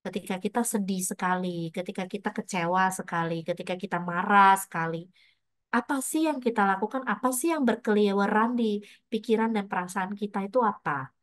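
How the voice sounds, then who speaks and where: A woman's voice: mid-range voice, a little fast. A middle-aged woman preaches in a loose, conversational way, moving between personal stories and encouragement. She slips English words into her talk and sounds close to the mic. The recording is dry, with no room echo. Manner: chatty, mixes in English words. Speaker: pastor. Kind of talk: casual sermon with personal stories.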